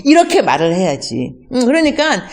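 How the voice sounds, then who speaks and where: A woman missionary talks in an easy, conversational teaching style. Her pitch swings widely as she acts out everyday exchanges in different voices. She drops English words into her talk now and then. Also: wildly swooping pitch, moderate pace.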